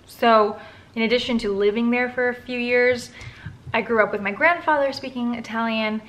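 Her voice is slightly high and fairly bright, at a normal speed, and the rough recording carries a little hiss or hum. She's an English-speaking woman in her thirties doing a casual Q&A from her living room, answering viewers candidly with plenty of "like," recorded on a camera close by indoors.

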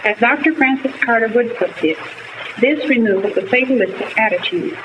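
A young woman student reading aloud for a class with careful, measured elocution, played back from an old gramophone disc. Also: fairly high pitch. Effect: played from an old 1939 gramophone disc. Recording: noisy, muffled old disc recording from far off.

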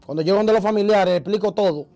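A man, an interview guest telling a story in a casual, animated way and acting out the voices he quotes. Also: high-pitched, quick pace, no echo, rough recording.

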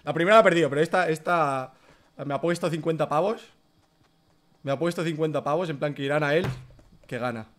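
A young man from Spain with a Spanish accent, live-streaming himself playing a game, excitable, swearing often and dropping English phrases into his commentary. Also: a little high, a little fast, pauses often. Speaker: gaming streamer.

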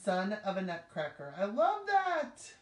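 In a craft room with a table, a middle-aged woman hosts a live craft demonstration, chatting upbeat as she works. Her mid-range voice swings widely in pitch and moves a little slowly. The room is echoey, with clear background noise.

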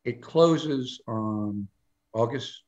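A man's voice: medium pitch, drawn-out words, darkish tone, lo-fi sound. Older man telling rambling studio stories. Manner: rambling anecdotal storytelling with many restarts; acts out quoted lines in a raised voice. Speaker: guest storyteller on a live show. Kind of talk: casual live interview chat.

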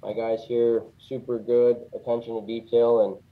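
A man's voice: medium pitch, moderate pace. Plainspoken man on a tinny line. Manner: relaxed, plainspoken, lots of "you know". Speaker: guest, custom fishing rod builder. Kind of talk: casual interview.

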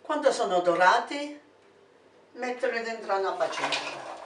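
An older Italian woman from Abruzzo, with that region's accent, is a home cook walking through a recipe step by step in her kitchen, slowly, as a cooking demonstration. Her mid-range voice has lively intonation. The kitchen echoes, the mic is distant, and there is background noise.

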